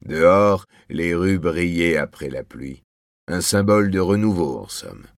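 A man with a very low voice narrates an audiobook. He reads in a measured storytelling manner with dry, wry asides. The sound is close and dry, with no room around it. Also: animated, gravelly, no room sound.

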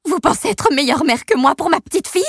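A haughty, short-tempered rich mother, put on by a woman reading a story aloud, pitched higher than the narrator. She speaks in a shrill, reproachful way with a gravelly edge. The sound is dry and close. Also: moderate pace, no room sound. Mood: accusing.

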